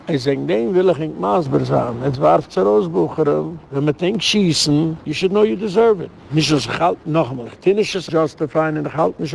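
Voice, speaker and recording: Rabbi lecturing: gravelly, slightly high male voice, hammering points home with repetition. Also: a little mellow, a little hiss or hum. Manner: emphatic, repetitive, mixes in English phrases. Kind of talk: impassioned Yiddish-style lecture.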